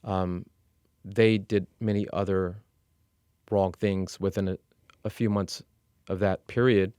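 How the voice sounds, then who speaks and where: Fields: man, middle-aged, low clear voice, slow measured. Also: dry recording, clean studio sound. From Iran. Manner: measured, steady, with frequent fillers and restarts. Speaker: interview guest; executive coach. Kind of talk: candid personal storytelling.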